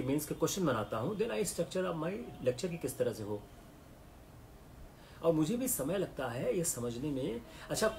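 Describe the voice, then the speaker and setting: A middle-aged man with an Indian accent, lecturing a class of exam candidates and switching into slow, careful English. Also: on the high side, a little hiss or hum. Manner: mixes English into the talk, slow and deliberate in English. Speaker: civil services exam lecturer.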